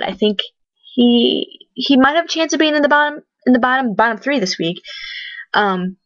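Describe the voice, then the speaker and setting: A woman's voice: fairly high pitch, dry recording, lo-fi sound. A woman giving a casual, opinionated spoken review, blunt and chatty, with lots of fillers and restarts. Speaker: vlogger reviewing a TV talent show.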